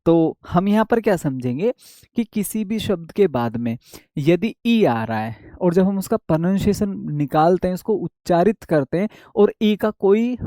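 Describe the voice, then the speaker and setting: A man's voice: high-pitched, warm tone, no room sound, clean studio sound. A young man teaching English spelling rules in an online class, asking and answering his own questions and repeating key points.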